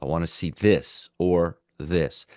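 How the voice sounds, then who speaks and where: A man's voice: deep voice, fairly even intonation, slow pace, darkish tone, no room sound, clean studio sound. A man hosting a live market commentary show, feeling sick with a sore throat, explaining conversationally and repeating his points. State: under the weather, sore throat. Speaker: host of a live pre-market trading show.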